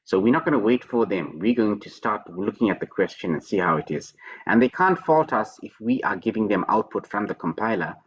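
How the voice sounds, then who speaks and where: A man's voice: lowish voice, lively intonation, a little fast, slightly rough, highs cut off. A man lecturing on programming over a video call, playful, repeating his words and teasing himself with mock self-praise. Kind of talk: online tutoring session.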